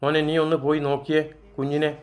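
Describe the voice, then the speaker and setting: A man's voice: on the high side, completely flat delivery, fast talker, close to an everyday voice. A man voicing an old grandmother who chides and coaxes her grandson in a told story. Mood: scolding. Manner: chiding, coaxing. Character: fond but scolding old grandmother.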